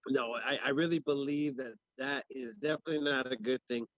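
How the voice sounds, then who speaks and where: A man's voice: medium pitch, brisk, a bit bright, no echo, lo-fi sound. A man co-hosting a local news livestream, chatting casually off the cuff with many restarts and fillers. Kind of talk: casual ad-libbed chat.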